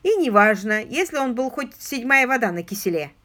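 A woman voicing a lively, aristocratic English gentleman detective in an audiobook, questioning eagerly and insistently. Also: on the high side, brisk. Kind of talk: audiobook character reading.

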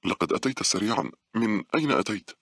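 A snappy, frightened young woman in a spoken horror tale, exasperated and quick to scold, as a male narrator voices her. The pitch rides high over a gravelly, bright voice. It sounds close and dry. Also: lively intonation, no echo, full character voice. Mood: wary. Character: impatient, scared young woman friend.

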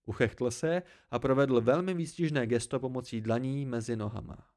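A man narrating an amateur audiobook in a steady storytelling manner. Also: medium pitch. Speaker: audiobook reader.

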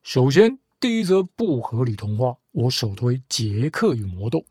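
In clean studio sound with no echo, a man hosts a podcast, retelling fairy tales through playful, teasing, mock-reasonable commentary over guitar music. His mid-range voice is mellow and slightly rough, swinging widely in pitch at normal speed.

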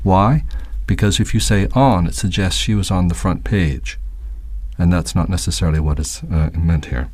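A man's voice: low-pitched, normal speed, a little mellow, husky. A man reading an English text aloud in a radio lesson and plainly correcting word choices as he goes. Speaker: English guest teacher.

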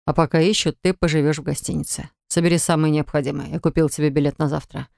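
A woman reading the lines of a calm, decisive husband in an audiobook, matter-of-fact. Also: low-pitched, fast talker, vocal fry, no room sound, studio quality. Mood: firm. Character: cool, decisive husband, grown man. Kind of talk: audiobook character voice.

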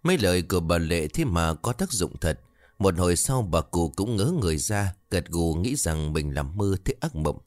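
A man's voice: low voice, very animated, normal speed, a little mellow, no room sound. A man narrating a scripted ghost story, raising his voice for the characters' frightened lines.

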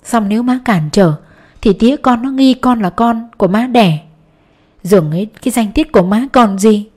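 A woman's voice: a little high, normal speed, warm tone, natural voice. A woman reading the lines of a poor grieving mother who pleads sorrowfully in an audiobook story.

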